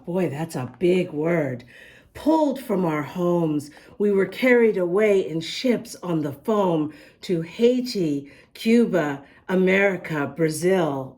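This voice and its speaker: A woman with a fairly low pitch hosts storytime, reading a picture book aloud to little kids. She reads expressively and keeps pausing to ask them questions directly.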